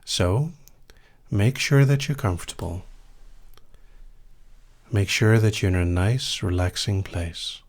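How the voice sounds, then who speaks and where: A man leading a relaxation hypnosis induction in a soft, intimate voice right in your ear, soothing and often dropping to a whisper. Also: fairly low pitch, expressive. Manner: slow, soothing, with long pauses. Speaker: hypnosis session host.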